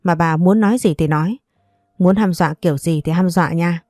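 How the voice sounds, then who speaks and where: A woman's voice: lowish voice, a little fast, a little mellow, no room sound, clean studio sound, lightly acted. A woman voicing a fierce, protective middle-aged mother who scolds bluntly in a storybook reading. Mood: angry.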